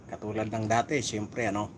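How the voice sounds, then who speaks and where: A middle-aged man chatting casually on a live stream while on night volunteer duty outdoors, giving viewers shout-outs. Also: on the low side, level tone, moderate pace, noisy background.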